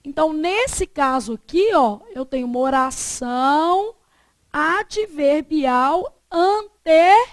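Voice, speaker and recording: A woman teaching a Portuguese grammar lesson, lively, asking the class questions and answering them herself. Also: sits high, takes it slowly, dry recording.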